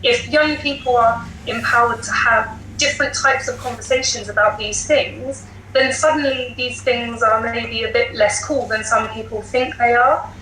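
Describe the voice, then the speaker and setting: Speaking at a normal speed, this woman has a fairly high, steady, sharp-toned voice and a British accent. As a teacher and podcast guest, she explains her views with articulate emphasis in a thoughtful discussion, recorded with roomy echo and light background noise.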